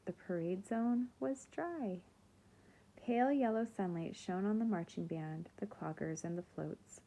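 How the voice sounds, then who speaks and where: A woman teacher reading a children's chapter book aloud in a calm, expressive narrating voice. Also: mid-range voice, measured pace, low-quality recording. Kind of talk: storybook read-aloud.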